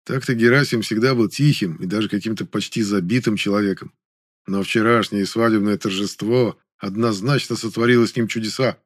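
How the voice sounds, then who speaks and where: A man's voice: lowish voice, fairly even intonation, a little fast, dry recording, studio quality. Male narrator reading a wry novel. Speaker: audiobook narrator. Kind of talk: first-person novel reading.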